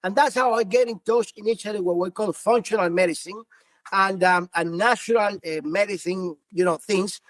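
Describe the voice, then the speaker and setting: A man's voice: high-pitched, moderate pace, a bit bright, no echo. A man in his fifties from Cuba with a Cuban Spanish accent, Spanish his first language, a physician answering earnestly in a podcast interview with many restarts. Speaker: physician guest.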